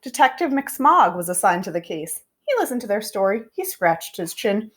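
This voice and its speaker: A woman reading a children's picture book aloud in an expressive narrating style. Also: medium pitch, moderate pace. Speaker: storybook reader.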